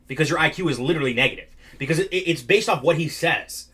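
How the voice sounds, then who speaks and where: Male online commentator, bright forceful voice, slangy and mocking. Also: a little high, fast, breathy edge. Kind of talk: casual reaction commentary.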